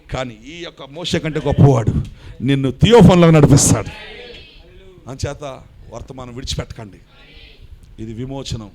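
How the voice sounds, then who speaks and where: A man preaching a sermon, dropping to hushed questions to the congregation and rising to shouted, sing-song proclamations. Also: on the high side. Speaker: pastor.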